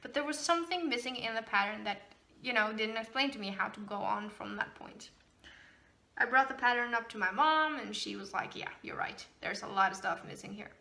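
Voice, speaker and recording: Her pitch sits fairly high, and her bright, gravelly voice comes out a little fast and forceful. She's a Norwegian knitting designer and podcast host, chatting casually about knitting with frequent laughs and fillers.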